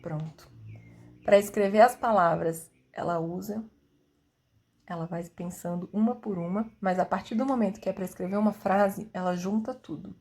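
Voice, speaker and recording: Woman, teacher, explanatory lesson, clear didactic delivery, sounds out syllables slowly, mid-pitched voice. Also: a little mellow. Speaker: teacher explaining literacy theory.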